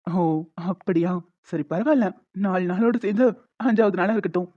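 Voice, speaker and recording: A woman voicing a playful young husband who coaxes his wife in an animated story. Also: mid-range voice, normal speed, dull audio, close to an everyday voice. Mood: teasing. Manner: playful, coaxing.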